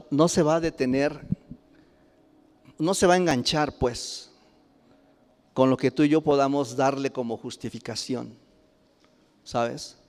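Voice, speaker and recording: A man with a Mexican Spanish accent preaching a sermon as a pastor, chatty and animated, throwing out many rhetorical questions. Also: on the high side. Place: church hall. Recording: long church hall reverb.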